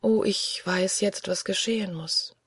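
A reader voicing a grave, frightened young woman who speaks softly in a hushed tone, in an audiobook reading. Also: mid-range voice, measured pace, husky, dry recording, exaggerated voice. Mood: quietly resolved.

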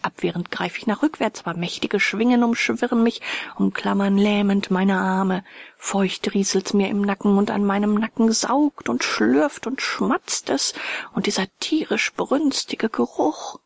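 A woman narrating a dramatic story aloud, often dropping to a hushed whisper. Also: medium pitch, steady tone, a little slow, vocal fry, dry recording. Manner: dramatic, shifts between hushed whisper and raised calls. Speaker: audiobook reader.

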